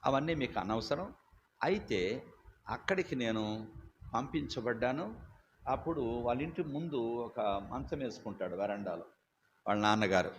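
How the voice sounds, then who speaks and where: Older male preacher, loud and emphatic storyteller, slight hiss behind. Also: medium pitch, unhurried, pauses often. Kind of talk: sermon. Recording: dull lo-fi recording with faint hiss.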